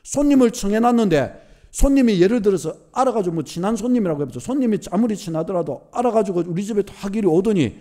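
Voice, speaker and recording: A man with a Gyeongsang accent preaches a sermon, driving his points home by repeating them. His voice sits very high for a man and swings widely in pitch, and he leans on homely everyday stories. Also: quick pace. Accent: Gyeongsang Korean. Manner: animated, repetitive emphatic preaching with homely examples. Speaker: pastor.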